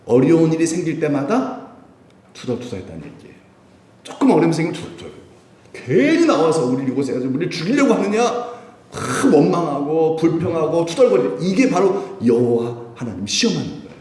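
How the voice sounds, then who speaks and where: Animated middle-aged male pastor, echoey church. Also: fairly high pitch, fairly quick. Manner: animated preaching, acting out voices, laughing. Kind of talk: sermon. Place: church sanctuary.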